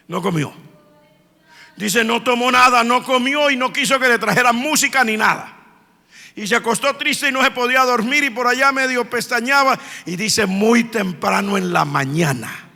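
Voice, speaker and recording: A man preaching a sermon as pastor, swinging from hushed storytelling to fervent shouting. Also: high voice, gravelly. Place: church sanctuary. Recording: long church reverb.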